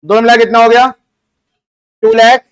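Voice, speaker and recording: A man's voice: very high-pitched, flat delivery, moderate pace, fairly bright tone, clean tone. A man teaching an accounting lesson to a class, coaxing answers out of his students and slipping English terms and figures into his talk. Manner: coaxing, asks students questions and answers them.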